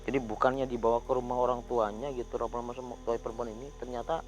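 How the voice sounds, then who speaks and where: Hushed man hunting ghosts at night. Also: mid-range voice, level tone, fast talker, faint music behind. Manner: whispery, breaks into loud urgent calls. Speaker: ghost-hunting video host. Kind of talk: hushed on-location paranormal narration.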